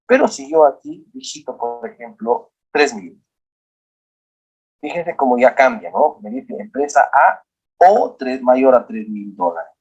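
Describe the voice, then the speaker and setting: Husky-voiced male teacher. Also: medium pitch, big pitch swings, a little slow, muffled recording. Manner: walks through steps aloud, often prompting "look here". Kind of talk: screen-recorded software lesson.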